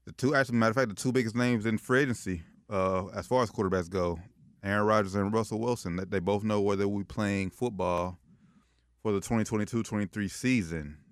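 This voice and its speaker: A man hosts casual sports talk in a clear, lowish voice. He is slangy and repeats phrases for emphasis, close and dry. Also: quick pace, no echo. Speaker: sports talk show host.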